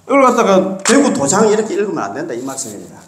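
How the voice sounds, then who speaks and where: A man, a Buddhist monk, teaches a class in a casual lecture style with a lilt. His voice sits fairly high and swings up and down a lot. He keeps asking his listeners to agree, and the room adds a clear echo. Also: huge pitch swings, rapid-fire, slight background noise.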